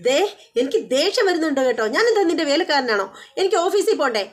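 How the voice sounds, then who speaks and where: A woman's voice: sits high, lively intonation, a little fast. A woman playing Govind, a flustered young husband. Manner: impatient, urging, blustering. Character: young man, husband, flustered and quick-tempered.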